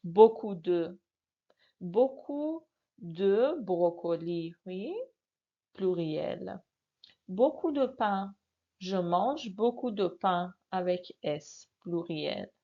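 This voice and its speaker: Woman teaching real slow, gravelly voice, dull lo-fi sound. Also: lowish voice, expressive. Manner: slow, patient, repeats words and asks learners to answer. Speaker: French teacher. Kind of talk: classroom lesson. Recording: dull lo-fi recording.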